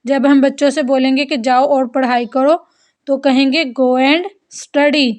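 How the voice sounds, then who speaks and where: A woman teaching short everyday phrases in a slow, deliberate way, repeating each one for learners. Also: sits high, flat delivery, a little mellow. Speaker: English teacher. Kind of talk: spoken language lesson.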